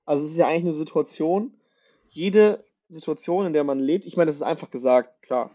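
Male podcast co-host, rapid casual talker, slightly raised pitch, muffled lo-fi recording. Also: warm tone. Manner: talks in quick loose restarts. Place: shared house in Marbella.

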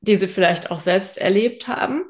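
A woman with a medium-pitched voice speaks at a moderate pace as a podcast co-host. Her chat is casual and reflective, and she thinks aloud as she goes.

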